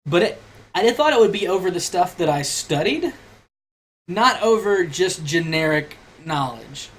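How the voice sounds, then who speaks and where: A man's voice: high-pitched, animated, a little slow, a bit bright. A man in his twenties co-hosting a casual podcast, telling rambling stories full of fillers. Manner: rambling, storytelling with lots of fillers. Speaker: podcast co-host. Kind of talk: casual chat.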